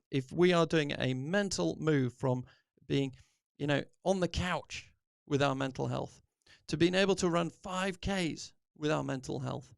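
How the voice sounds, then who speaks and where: A middle-aged man speaks in an earnest, encouraging way, looping through his points with restarts as he gives a motivational talk. His voice sits a little high and has a gravelly edge. The sound is dry and close, with no room around it. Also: darkish tone, dry recording. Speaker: podcast host.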